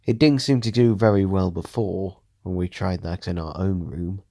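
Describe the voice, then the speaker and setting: Deep, gravelly male story narrator. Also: fairly even intonation, normal speed, warm tone, no room sound, clean studio sound. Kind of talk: first-person audio drama narration.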